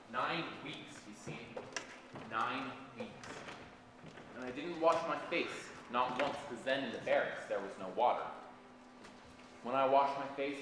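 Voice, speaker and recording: A man playing an elderly male camp survivor, speaking haltingly and repeating phrases on a stage. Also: medium pitch, background noise, lightly acted. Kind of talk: stage testimony monologue. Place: school stage. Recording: echoey hall, mic far off.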